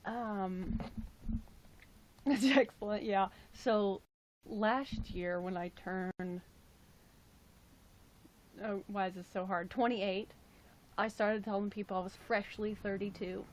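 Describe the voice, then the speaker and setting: Her tone is steady and her pace slow, with frequent pauses, on a rough recording carrying a little hiss or hum. She's a woman in her twenties, late twenties in fact, chatting jokily with viewers and reading their comments on a casual livestream, breaking into playful high exclamations.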